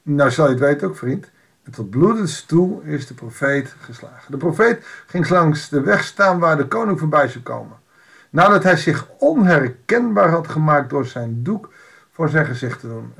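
A man's voice: a little high, lively intonation, normal speed, gravelly. A man giving an informal Bible devotional, reading a passage aloud and explaining it in a conversational way with wry asides.

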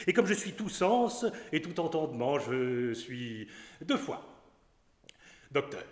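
On stage in a classic comedy, an actor plays a boastful, self-important doctor who lectures, counts out his arguments and flaunts Latin. His voice is on the high side and very animated, and he takes his time. The recording has the long reverb of an echoey hall.

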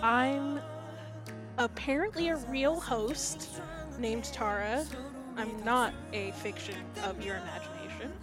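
Female host, fairly high register, informal podcast chat. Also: takes it slowly, music in the background. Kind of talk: casual chat.

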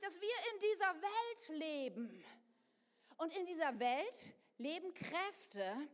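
A woman's voice: extremely high pitch, a bit bright, big-room sound. A woman preacher delivering a sermon to her congregation, speaking expressively and addressing her listeners directly. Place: church hall.

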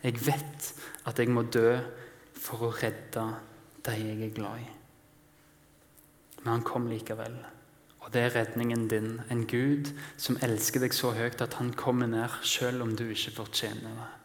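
A male preacher giving a dramatic sermon, swinging between loud emphasis and hushed near-whispers. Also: medium pitch, little pitch movement. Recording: long reverb of a large hall.

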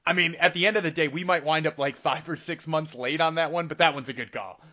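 Bright, forceful male sports podcast host. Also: fairly high pitch, quick pace. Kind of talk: casual sports talk show hosting. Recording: slightly dull, lo-fi sound.

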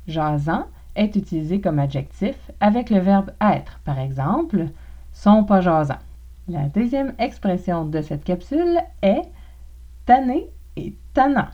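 A woman with a Québécois accent hosting a language podcast, reading a scripted lesson and slowly modelling phrases for learners to repeat. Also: medium pitch, highs cut off. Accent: Québécois French. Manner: clear, slow model pronunciations for learners to repeat. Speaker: podcast host teaching Quebec French.

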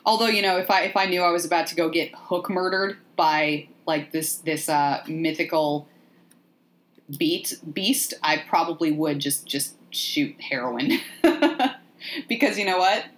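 Woman podcast host, animated and joking, casual movie recap. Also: deep voice, normal speed.

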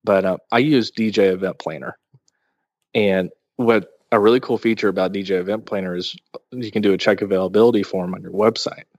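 A man's voice: lowish voice, fairly even intonation, fairly quick, no echo. A man co-hosting a podcast, chatting casually and telling long anecdotes. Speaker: podcast co-host.

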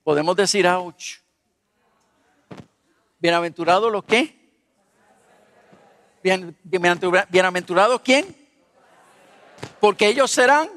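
A man's voice: sits high, slow, pauses often, no echo, in a large hall. A man preaching as a pastor, telling personal stories with humor and asking the congregation questions. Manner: animated, humorous, asks the audience questions. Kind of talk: sermon with personal storytelling.

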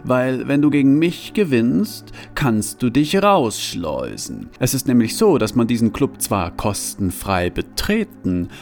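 A man's voice: medium pitch, big pitch swings, unhurried, few pauses, darkish tone, faint music behind. A man doing a smug, grinning male seducer. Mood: persuasive. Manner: smooth, insinuating, conspiratorial.

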